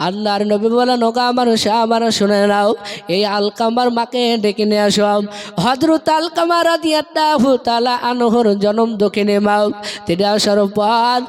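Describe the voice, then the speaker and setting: A man preaching a sermon, telling a story in a chanting, singsong delivery with drawn-out lines. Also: very high-pitched, steady tone, clear, resonant tone. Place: outdoor gathering.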